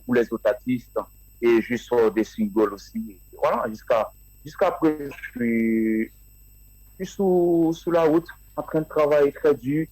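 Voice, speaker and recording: A man being interviewed about his music, answering in a halting way with many fillers and restarts. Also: medium pitch, dark tone, no echo, rough recording. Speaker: guest musician.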